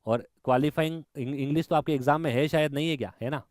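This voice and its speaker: A man's voice: fairly high pitch, quick pace, darkish tone, dry recording. Man, reasoning teacher, enthusiastic, dry close recording. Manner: enthusiastic, talks to students directly, mixes in English terms. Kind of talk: online exam-prep lecture.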